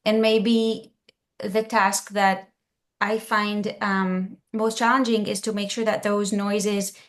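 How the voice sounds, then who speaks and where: A woman's voice: medium pitch, little pitch movement, slow. Reflective woman poet on a panel. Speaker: featured poet. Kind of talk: panel discussion answer.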